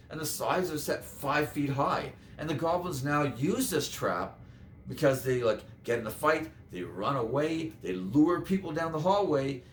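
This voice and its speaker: Man, game master advice talk, rambling, lively voice, roomy echo, faint background noise. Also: fairly high pitch. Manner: rambling, chatty, many fillers. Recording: echoey room with faint noise.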